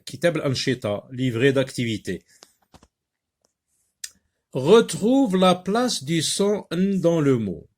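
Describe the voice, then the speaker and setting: A Moroccan-accented man teaching young children to read, breaking words into syllables and repeating them slowly. He talks at a mid pitch and explains each step of the exercise patiently. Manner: switches between French and Moroccan Arabic, slow syllable-by-syllable drilling. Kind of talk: phonics lesson for young learners.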